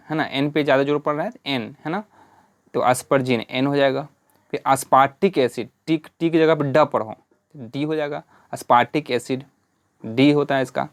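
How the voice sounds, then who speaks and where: A man's voice: medium pitch, no room sound. Dry-voiced male teacher drilling a lesson. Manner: patient, repeats "है ना" and "ठीक है" often; spells out letters and drills lists step by step. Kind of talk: whiteboard lesson.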